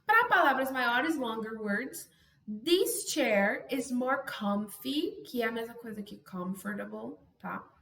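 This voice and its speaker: A Brazilian woman teaching an English grammar lesson, chatty and casual, often adding quick tag questions. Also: a little high, lively intonation, bright, forceful tone, echoey room. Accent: Brazilian Portuguese. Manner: chatty, self-interrupting, frequent "né?" tags. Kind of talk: online language lesson.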